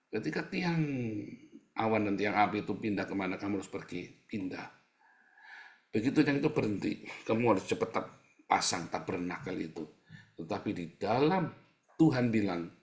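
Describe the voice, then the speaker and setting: Guy preaching, lowish voice, goes loud then soft, keeps calling out to the crowd, repeats stuff. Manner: swings between loud emphatic bursts and quiet asides, keeps addressing the congregation; conversational, repeats phrases for emphasis. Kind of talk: sermon.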